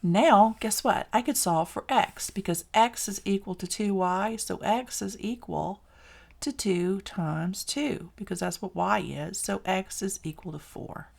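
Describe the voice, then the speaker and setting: A woman's voice: medium pitch, measured pace, gravelly. A woman with a Southern US accent teaching a casual recorded algebra lesson, chatty and encouraging, correcting herself as she works. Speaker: math teacher.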